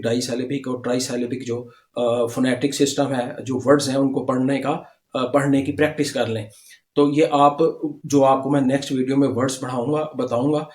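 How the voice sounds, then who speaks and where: A man's voice: medium pitch, darkish tone. A man, patiently explaining a language lesson step by step over slides. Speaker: language teacher. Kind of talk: slide-based video lesson.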